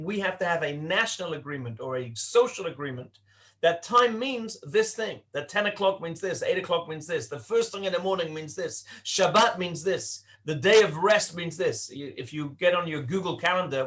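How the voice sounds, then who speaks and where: Man, rabbi, raised in Britain, informal Torah class, somewhat high voice, rhetorical questions. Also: fairly bright tone. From Britain (born in Leicester, raised in Cardiff). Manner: conversational, asks rhetorical questions, slows down to stress points.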